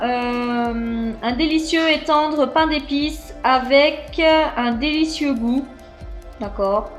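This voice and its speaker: A woman in her thirties chatting casually through a snack unboxing, hesitant, with many fillers. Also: sits high. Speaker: unboxing vlogger.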